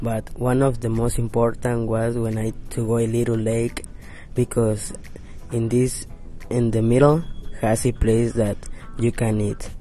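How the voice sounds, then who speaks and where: A man's voice: medium pitch, little pitch movement, measured pace, mellow, soft background music. A man from Mexico, giving a hesitant class presentation full of restarts. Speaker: English learner.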